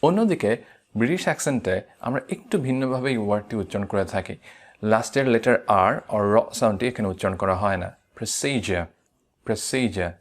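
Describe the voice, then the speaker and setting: Bangladeshi man teaching English pronunciation. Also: fairly low pitch. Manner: slow deliberate model words, repeats them. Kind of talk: online pronunciation lesson.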